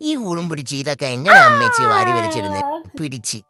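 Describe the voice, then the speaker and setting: A man's voice: extremely high pitch, wildly swooping pitch, quick pace, loud music behind the voice, exaggerated voice. Mischievous toddler boy's thoughts, voiced by a man, comic voice-over, confiding asides, swinging intonation. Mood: cheeky. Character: cheeky scheming toddler boy's inner voice.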